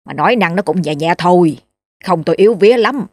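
A woman's voice: on the low side, expressive, a little fast, darkish tone, dry recording. A woman voicing a bossy old male village sorcerer who barks orders and scolds. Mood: gruff commanding.

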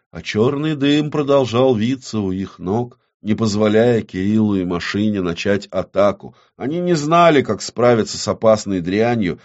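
A man reading an audiobook aloud in a grave, measured way. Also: on the low side, a little mellow, lo-fi sound. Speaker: audiobook narrator. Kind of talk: dramatic audiobook narration.

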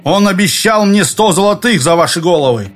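A man puts on a sly, lying boy acting as a captured bandit in a storybook, grudging and evasive. The pitch rides high, with faint music underneath. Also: lively intonation, brisk.

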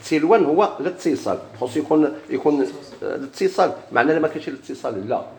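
Fast-talking Moroccan man teaching grammar. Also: a little high, expressive, gravelly, darkish tone. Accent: Moroccan Arabic. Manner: questions students, then answers himself. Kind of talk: classroom lesson explaining grammar. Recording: echoey room.

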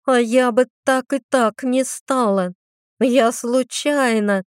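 Woman doing a young female mage student, lively, slightly whiny, raised pitch, dry close sound. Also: measured pace, no room sound, natural voice.

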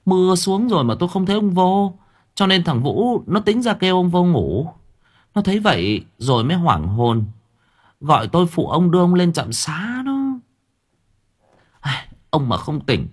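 A flustered village wife frets in a raised, high voice, as a male narrator puts her on. She rushes her questions, anxious and fussing. She is a worried wife in an audio storybook. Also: husky.

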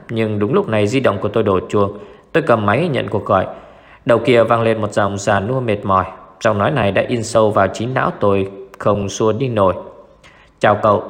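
A man narrating a first-person mystery audiobook in a steady storytelling way. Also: lowish voice, big-room sound.

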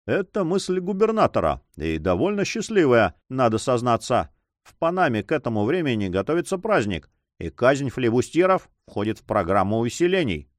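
Guy reading cocky coast guard captain, smug, pitch bouncing all over. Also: sing-song, moderate pace, no echo, clean studio sound, natural voice. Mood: boastful. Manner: self-satisfied, swaggering. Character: boastful Spanish coast guard captain, man.

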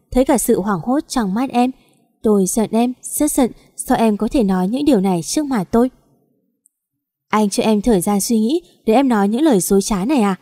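A woman narrating a dramatic first-person audio story in a steady, somber way. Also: mid-range voice, in a large hall.

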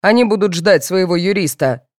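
A woman's voice: fairly low pitch, lively intonation, normal speed, no room sound, clean studio sound, pitched above the performer's own voice, natural voice. A woman reading the lines of a stern middle-aged male police officer in an audiobook, curt and commanding. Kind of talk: audiobook character voice.

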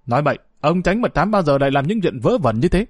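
A man's voice: a little high, sing-song, fast talker, breathy edge, no echo, studio quality. A man voicing a shrewd young male lieutenant who interrogates harshly. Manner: harsh, commanding.

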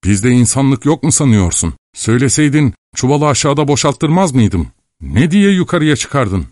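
A man voicing a gruff male storekeeper who scolds loudly, raising his pitch, in an audiobook. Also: big pitch swings, normal speed, no echo, clean studio sound, lightly acted. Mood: exasperated. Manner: loud scolding.

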